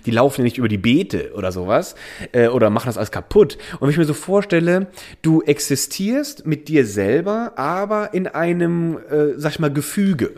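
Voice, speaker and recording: A man's voice: fairly high pitch, animated, moderate pace, a little mellow. Rambling, laughing German podcast man. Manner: rambling, laughs often, many restarts. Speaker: podcast co-host. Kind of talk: casual chat.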